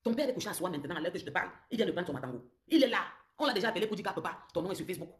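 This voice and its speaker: A woman's voice: on the low side, expressive, very fast. A woman with a Cameroonian French accent, hosting a heated live-stream rant, accusing and taunting someone in a confrontational way. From southern Cameroon.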